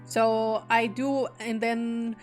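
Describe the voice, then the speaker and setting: Female streamer, slightly high voice, reads game text aloud and drops quick jokey asides. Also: flat delivery, soft background music. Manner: reads narration steadily, breaks off into joking asides. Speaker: streamer reading a visual novel aloud. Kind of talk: reading aloud with casual asides.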